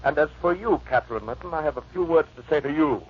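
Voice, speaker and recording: A man acting in a radio drama as a brooding, vengeful lover, husky, sardonic and scoffing. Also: a little high, expressive, fast talker. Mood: scoffing defiance. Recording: muffled vintage radio recording.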